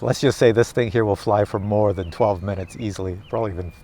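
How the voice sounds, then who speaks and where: A man's voice: fairly low pitch, fast talker, a little hiss or hum. A man chatting casually to viewers outdoors while he flies and reviews a drone. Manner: chatty, excitable, talks to viewers. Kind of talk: casual live commentary while flying.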